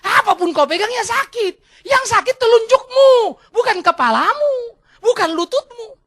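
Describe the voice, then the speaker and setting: A man's voice: very high voice, lively intonation, moderate pace, sharp tone, pitched above the performer's own voice, heavily acted. A man voicing a patient, matter-of-fact male doctor who explains things plainly. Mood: explaining.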